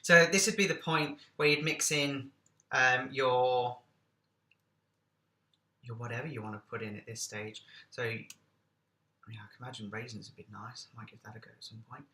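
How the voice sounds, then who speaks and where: A man's voice: medium pitch, steady tone, normal speed, bright, forceful tone, reverberant. A man hosting a casual cooking vlog, chatting along with jokey, self-deprecating asides.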